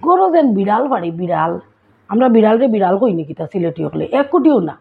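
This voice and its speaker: Sylheti-accented woman vlogger, raspy, phone-line quality. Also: mid-range voice, sing-song, fast talker. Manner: chatty, asks listeners if they follow. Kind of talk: casual vlog chat. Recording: tinny phone-like sound.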